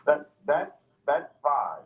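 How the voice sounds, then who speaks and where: A man's voice: on the high side, very animated, slow. Man on a tinny phone line, far from the phone, echoey, brief polite answers. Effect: phone call voice, far from the phone. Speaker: caller, a veteran. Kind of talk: casual chat.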